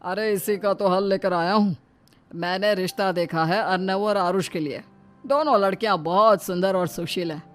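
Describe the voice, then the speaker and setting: A woman's voice: mid-range voice, fairly even intonation, moderate pace, soft background music, natural voice. A woman voicing a jovial elder brother. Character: friendly middle-aged elder brother of the family.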